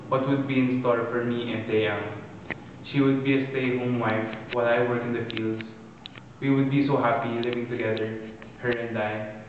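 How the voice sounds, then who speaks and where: A man playing an anxious, lovesick young man in an earnest, declamatory dramatic monologue, speaking in measured phrases. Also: mid-range voice, slight background noise, lightly acted. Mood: hopeful. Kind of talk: dramatic monologue, stage-style recitation. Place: large reverberant room, distant microphone. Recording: muffled tinny echoey hall from far off.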